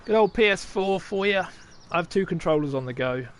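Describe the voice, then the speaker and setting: Brisk and expressive, a man with a high-sitting voice live-streams a farming game, thinking aloud, chatting with viewers and cursing casually. There's slight background noise.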